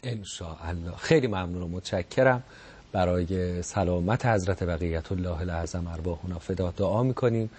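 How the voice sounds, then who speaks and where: A man's voice: low-pitched, darkish tone, breathy edge. A man hosting a broadcast program, thanking his guest and the audience in polite, formal words. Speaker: program host.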